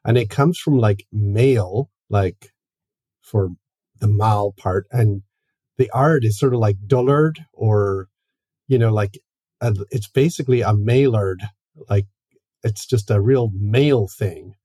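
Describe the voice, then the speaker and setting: A man with a lowish, mellow voice thinks out loud in casual chat. His tone is a little husky and he leans on "you know" and "like". The sound is dry. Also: no echo. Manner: musing, drawn-out, lots of "you know" and "like". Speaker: podcast co-host.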